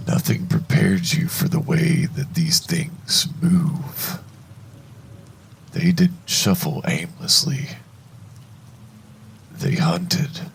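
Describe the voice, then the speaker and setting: A man narrating a first-person horror story in a hushed, deliberate, suspenseful way, with a gravelly voice. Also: deep voice, sing-song, slight background noise.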